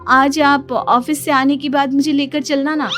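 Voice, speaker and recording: A woman's voice: high-pitched, little pitch movement, a little slow, fairly bright tone, faint music behind. A woman voicing a self-pitying young wife in a cartoon story, complaining in a whiny, dramatic way.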